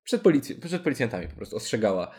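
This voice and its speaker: A man's voice: medium pitch, sing-song, very fast, a little mellow. A man co-hosting a casual comedy chat, joking as he reads news items aloud. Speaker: podcast co-host reading news items.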